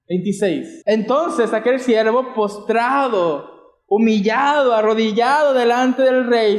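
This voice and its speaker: High-voiced Mexican preacher, echoey church. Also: male voice, a little mellow. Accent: Mexican Spanish. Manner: preaching with rhetorical questions, retelling scripture in everyday terms. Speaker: pastor. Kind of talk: sermon.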